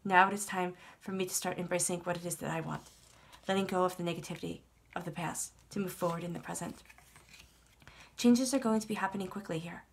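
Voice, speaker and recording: This tarot reader's voice is lowish, steady and gravelly, moving briskly, with a bit of hiss or hum in the background. Stuffed up from a cold, she talks to camera for her channel in a reassuring, soothing way, frequently repeating herself.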